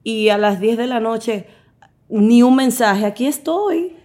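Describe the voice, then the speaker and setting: Guesting on a casual interview, this young adult Dominican woman has a Dominican Spanish accent and a voice on the high side. She laughs easily and stays animated, performing the different voices as she tells her stories.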